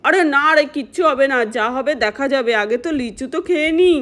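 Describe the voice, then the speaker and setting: A woman's voice: high-pitched, expressive, quick pace, a bit bright. A woman voicing a carefree, mischievous little boy in a doll-play story. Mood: cheeky. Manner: careless, cheeky.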